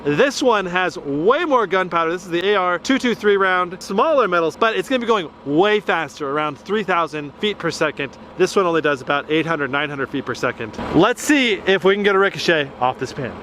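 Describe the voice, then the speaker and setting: A man hosting a gadget test vlog outdoors, talking with loud enthusiasm and frequent exclamations. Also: high-pitched, expressive, a little fast, few pauses. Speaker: YouTube gadget test host. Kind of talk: excited outdoor experiment vlog. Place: outdoors at a shooting range. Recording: noisy outdoor recording.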